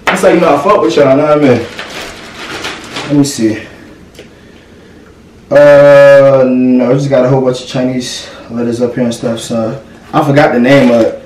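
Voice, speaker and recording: A man's voice: mid-range voice, steady tone, moderate pace, long pauses, darkish tone, recorded from a distance. A young man hosting a casual haul vlog from his room, laid-back and slangy, always asking if you feel him. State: out of breath. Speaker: vlogger. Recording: echoey room, off-mic, faint hiss.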